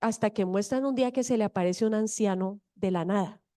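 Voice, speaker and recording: A woman's voice: medium pitch, brisk, dark tone, no room sound. A woman pastor, preaching a sermon and acting out the voices in a story she tells. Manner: asks the congregation to repeat after her. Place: church.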